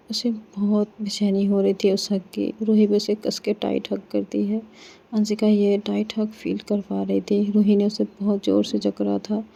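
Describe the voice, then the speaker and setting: A woman storyteller narrating a romance story in a steady, unhurried way, on a slightly dull recording. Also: medium pitch, creaky.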